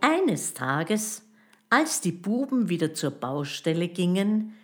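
A woman reading a children's story aloud as narrator, in an expressive, measured way. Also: lowish voice, music in the background.

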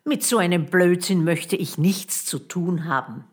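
A woman's voice: lowish voice, unhurried, lightly acted. A woman voicing a skeptical young boy who talks in a scoffing, matter-of-fact way.

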